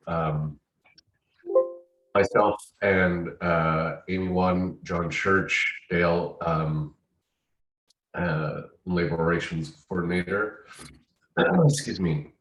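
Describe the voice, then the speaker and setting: A man hosting an online meeting, losing his voice, halting with many fillers and clearing his throat. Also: deep voice, steady tone, a bit bright, reverberant, far from the mic, rough recording. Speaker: host. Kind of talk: informal online meeting welcome.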